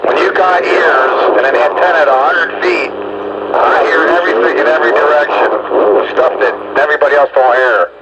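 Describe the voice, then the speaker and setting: A man with a somewhat high voice talks at normal speed over a two-way radio, chatting casually as an operator checking in callers. His manner is folksy and rambling, heard through a muffled CB radio transmission with loud static.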